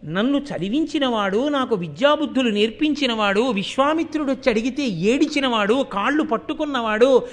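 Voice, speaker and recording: A man's voice: extremely high pitch, fairly bright tone. A man speaking the part of a young prince who firmly defers to his father, inside a religious story. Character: young prince, calm and firm about duty.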